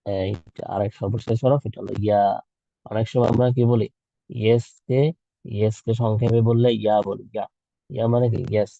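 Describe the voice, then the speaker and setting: A patient male teacher speaks in a very dark, mellow voice, dry and close to the mic. He slowly drags out each letter sound for young learners in an online class, and the audio is a little dull and muffled. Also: lowish voice, flat delivery, creaky, dry recording. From Bangladesh. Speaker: Quran teacher for children.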